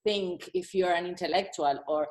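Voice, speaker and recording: Low-voiced woman from Argentina. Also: normal speed, background noise. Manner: hesitant, searching for words, with many restarts. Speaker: graphic designer and publisher. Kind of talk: casual online talk. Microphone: video call.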